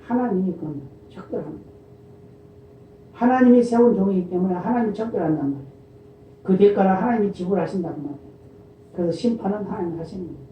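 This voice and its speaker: A male pastor preaching a sermon, often asking the congregation questions and answering them himself, and reading scripture in a slow, formal cadence. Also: sits high, a little hiss or hum. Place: church sanctuary. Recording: echoey church hall from far off, dull lo-fi sound.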